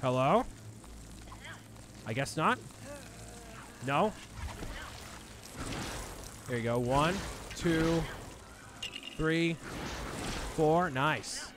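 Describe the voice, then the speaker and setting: A man's voice: a little high, extremely slow, long pauses, noisy background. A man chatting casually on a live stream as he plays a video game, reading chat aloud and bantering with the characters on screen. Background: game music.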